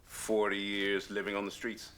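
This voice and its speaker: An actor playing a male counselor who leads a veterans' group, speaking in a steady, reassuring, gently probing way. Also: on the low side, normal speed, lightly acted.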